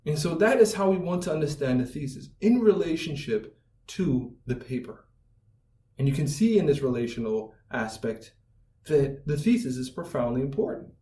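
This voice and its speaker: A man's voice: a little high, mellow. Man lecturing in an echoey room. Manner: explanatory, repeats "right?" to check in. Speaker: writing instructor. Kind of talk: lecture over slides. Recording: roomy echo, mic at a distance, faint music.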